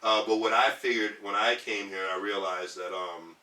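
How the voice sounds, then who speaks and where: A Detroit community organizer in his thirties speaks earnestly as a guest in a casual podcast conversation. His slightly low voice has a bright, forceful edge, fairly even intonation and a moderate pace. He rambles with ums and restarts, recorded from a distant mic in an echoey room.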